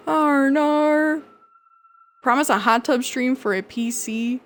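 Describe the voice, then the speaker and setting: A woman's voice: on the high side, normal speed, a bit bright. A woman live streamer chatting casually and jokingly with her chat while she plays a video game, swearing freely.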